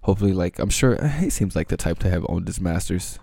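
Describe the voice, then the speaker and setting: Low-voiced man hosting a casual podcast. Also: expressive, brisk, vocal fry, mellow, no echo. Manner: loose, rambling, slangy talk full of "like". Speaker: podcast host. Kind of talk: casual solo podcast chat.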